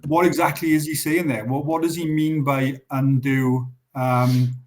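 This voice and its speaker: A man's voice: mid-range voice, steady tone, a little slow, darkish tone, slight background noise. A man with a Welsh accent, a guest in a live Q&A, explaining at length with frequent restarts. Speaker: guest on a pigeon racing show. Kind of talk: live Q&A discussion.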